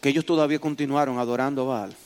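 A man preaching a sermon to his congregation, asking them questions and rising to loud, dramatic exclamations. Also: mid-range voice, fairly even intonation, rapid-fire.

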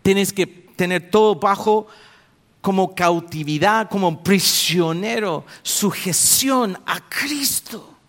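Guy preaching a sermon, pretty high voice, animated storytelling that builds up loud. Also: takes it slowly. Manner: animated storytelling, rising to emphatic exhortation. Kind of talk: sermon with anecdotes.

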